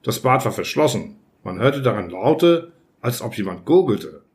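A man narrating an audiobook in the first person, reading in a measured, even way. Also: mid-range voice. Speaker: audiobook reader.

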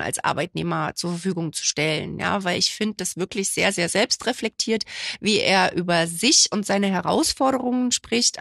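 A woman's voice: mid-range voice, fairly bright tone, dry recording. A woman hosts an interview in a chatty, gushing way. Her mid-range voice rambles along in a giggly manner, recorded dry. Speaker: podcast host.

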